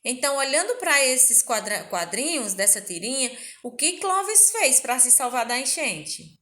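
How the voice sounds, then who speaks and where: A woman teacher from Brazil walks small children through a recorded lesson. Her voice sits a little high. She speaks gently, with fond little words and frequent "right?" checks. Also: very animated, unhurried. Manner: gentle, uses diminutives and rhetorical questions. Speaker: primary school teacher.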